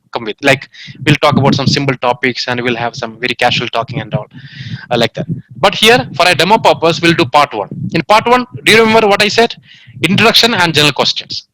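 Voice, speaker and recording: A man's voice: fairly high pitch, bright, forceful tone, rough recording. A man tutoring an online English exam class, explaining by example with many fillers and restarts, heard over a video call. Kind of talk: online demo class lesson.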